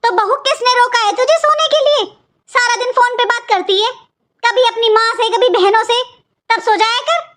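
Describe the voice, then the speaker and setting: A woman voicing a sharp-tongued, scolding elderly mother-in-law in a Hindi cartoon. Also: very high-pitched, moderate pace. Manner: nagging, accusing, lecturing.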